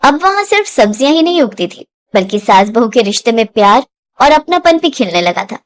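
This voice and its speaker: A woman's voice: on the high side, big pitch swings, fairly quick. A woman narrating a moral story in a dramatic storytelling manner. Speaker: narrator and voice of characters. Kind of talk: storybook narration with character voices.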